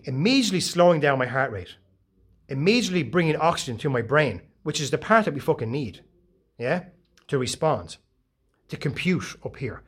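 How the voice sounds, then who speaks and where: A man, giving a casual, profane motivational talk full of animated storytelling. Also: a little high, husky. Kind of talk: casual monologue.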